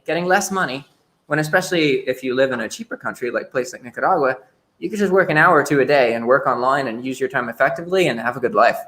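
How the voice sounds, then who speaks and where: A man's voice: fairly high pitch, a bit bright. A young man talking frankly as a podcast guest, often repeating words as he starts a sentence. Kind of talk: casual interview chat.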